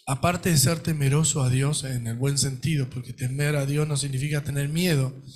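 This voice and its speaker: A man with an Argentine Spanish accent, a pastor delivering a sermon, asking rhetorical questions and acting out quoted voices. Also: a little high. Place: church.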